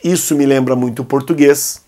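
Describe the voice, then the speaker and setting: A man teaching the alphabet at a whiteboard, whose first language is Arabic. He talks patiently and coaxingly, and says each letter's sound slowly so the learner can repeat it. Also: mid-range voice, fairly even intonation, warm tone. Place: indoor classroom at a whiteboard.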